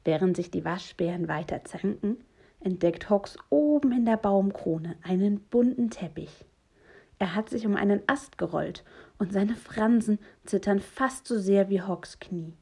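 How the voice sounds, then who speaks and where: A woman reading a children's bedtime story aloud, soft and gentle, often hushed. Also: mid-range voice, a little slow, gravelly, breathy edge. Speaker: reader.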